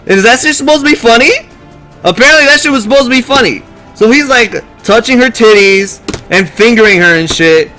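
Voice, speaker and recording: A man's voice: extremely high pitch, expressive, brisk, bright, forceful tone, soft background music. A man ranting in casual, profane, exasperated talk to his live-stream viewers, telling a story with lots of animation.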